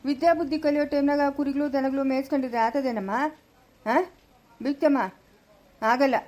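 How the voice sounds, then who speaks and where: A stern but caring old village grandfather, played by a woman, lectures in a firm voice with a rural Chikkaballapura Kannada accent. The voice sits high and the words come fast. It is a homemade village family skit. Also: steady tone, a little mellow, lightly acted. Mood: lecturing. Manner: scolding, advising in a firm lecturing tone.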